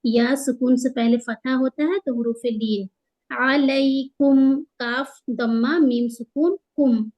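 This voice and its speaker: High-voiced, unhurried woman teaching tajweed. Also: mellow, rough recording. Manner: patient, explains rules plainly, slows right down to stretch recited words. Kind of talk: tajweed lesson, spelling out letters and drawing out recited words.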